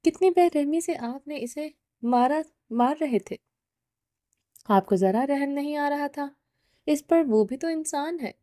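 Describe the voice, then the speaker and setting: A woman's voice: sits high, expressive, mellow, no echo, clean studio sound. A woman voicing a heartbroken young woman who speaks while crying. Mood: tearful.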